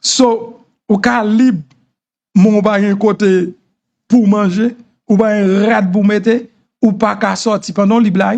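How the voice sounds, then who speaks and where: A man's voice: high voice, flat delivery, slow, gravelly, darkish tone, dull audio. A middle-aged man with a Haitian Creole accent, talking in a casual commentary monologue and repeating his advice insistently. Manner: repetitive, insistent advice-giving. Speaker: host.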